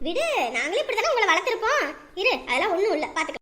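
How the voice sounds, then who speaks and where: A woman's voice: very high-pitched, sing-song, very fast, heavy background noise. A middle-aged woman acting as a caring, bossy mother-in-law in a family drama. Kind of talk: family web series acting.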